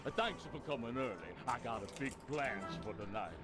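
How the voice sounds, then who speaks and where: A man voicing a gruff animal guard who puts on a fake Italian accent and chats cheerfully, in a game. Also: medium pitch, a little fast, loud music behind the voice, lightly acted. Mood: chatty.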